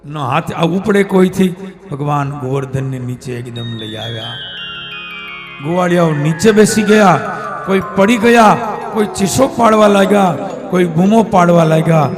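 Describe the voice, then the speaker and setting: A man telling a devotional scripture story in speech, acting out the characters' lines and swinging between loud exclamations and hushed passages. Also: a little high, moderate pace. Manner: lively, acts out characters' lines with dramatic shifts from loud to hushed. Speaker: Bhagavata katha storyteller. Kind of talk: devotional katha storytelling sermon. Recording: hall reverb with devotional music behind.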